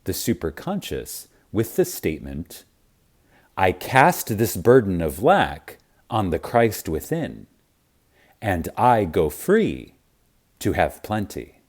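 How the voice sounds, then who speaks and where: Reading a spiritual teaching audiobook, this deep-voiced man takes a very slow, reverent pace with deliberate pauses. His pitch swoops wildly as he leans on important words for emphasis.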